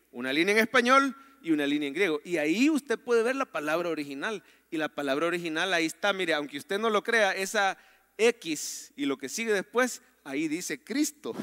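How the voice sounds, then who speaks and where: A man preaching a sermon as pastor, calling on the congregation to answer and read along, moving between loud emphasis and quiet, intimate passages. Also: high-pitched. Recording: long hall reverb.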